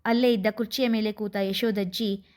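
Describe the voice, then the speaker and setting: A woman's voice: medium pitch, fairly even intonation, moderate pace, a little mellow. Woman narrating a story. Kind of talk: narrated serial story reading.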